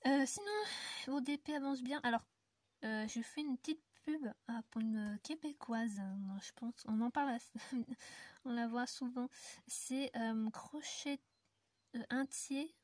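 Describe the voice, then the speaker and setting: A woman's voice: fairly high pitch, a little slow, darkish tone, dry recording. A woman from France chatting casually to her viewers while colouring, rambling with many fillers and often dropping to a near-whisper. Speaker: YouTuber colouring on camera. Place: indoor room in the mountains.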